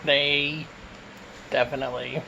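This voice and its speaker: A man's voice: medium pitch, flat delivery, slow, creaky, muffled recording, background noise. A man from Canada answering questions in a casual mukbang Q and A, talking with his mouth full as he eats, recorded on a phone. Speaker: YouTuber answering viewer questions.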